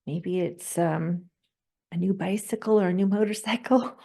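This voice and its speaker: A woman with a slightly low voice hosts a podcast and walks listeners through a guided breathing exercise. She talks gently, slows down to guide, and laughs often. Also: fairly even intonation, vocal fry. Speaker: podcast host.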